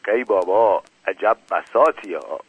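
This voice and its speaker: A man voicing a tough, quietly commanding gang leader, in a dry, phone-like recording. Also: fairly low pitch, lively intonation, husky, dry recording. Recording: dry, phone-like narrow sound.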